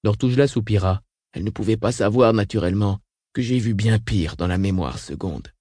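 Man narrating with a dark voice. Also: lowish voice, fairly quick, dry recording, studio quality. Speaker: audiobook narrator. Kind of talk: scripted narration.

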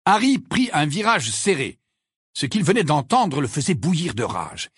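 A man narrating a novel for an audiobook in a high, bright voice. His reading is lively, with a lot of pitch movement. It is recorded close on a dry studio mic. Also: normal speed, breathy edge, no room sound. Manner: expressive storytelling reading. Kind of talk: scripted narration.

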